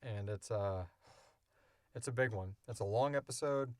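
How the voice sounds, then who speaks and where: A podcast co-creator and co-host chats off the cuff in a casual, unscripted Q&A, rambling informally as he explains things. His voice sits on the low side at a moderate pace, and the recording is dry.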